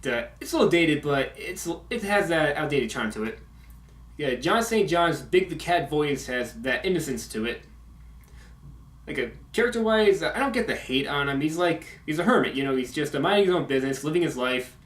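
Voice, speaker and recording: A man's voice: fairly high pitch, expressive, fairly bright tone. A man casually talking about video games in a vlog update, mumbling and stumbling through lots of fillers on a condenser mic. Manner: mumbling, halting, full of fillers. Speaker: video game commentator. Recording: echoey home room.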